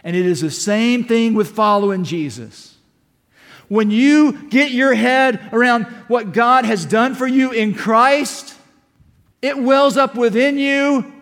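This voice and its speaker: A man with a high voice preaches a fervent sermon, swinging from hushed, low lines to ringing shouts. His words echo with a long reverb through a church sanctuary. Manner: impassioned preaching, rising to shouts, rhetorical questions. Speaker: pastor.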